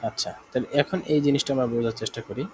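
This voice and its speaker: A man with a Bangladeshi Bengali accent teaching a live online German class, explaining slowly, repeating himself and often checking that students follow. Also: medium pitch, steady tone, a little hiss or hum, poor audio.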